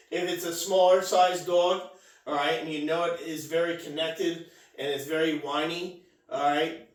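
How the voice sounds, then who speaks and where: Man dog trainer in an echoey room. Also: high-pitched. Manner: repeats "all right?" as a check-in, restarts words. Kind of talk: casual instructional talk. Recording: echoey room, mic off at a distance.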